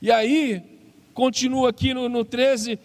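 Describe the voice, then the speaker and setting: A man with a Brazilian Portuguese accent, a pastor preaching with passion and reading scripture slowly and with weight. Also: extremely high pitch, little pitch movement, in a large hall. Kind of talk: sermon. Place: church hall.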